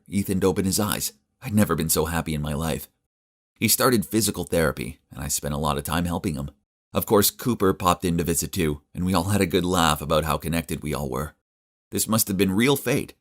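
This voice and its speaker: Deep-voiced young man narrating a story. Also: brisk. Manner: confiding, dramatic. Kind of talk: first-person story narration.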